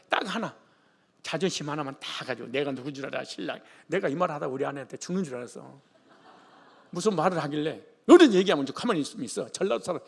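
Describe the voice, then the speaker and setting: Male pastor, from Jeolla, casual joking sermon, gravelly voice, echoing hall. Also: sits high. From Jeolla region, Korea. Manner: colloquial, joking preaching style. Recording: long reverb of a large hall.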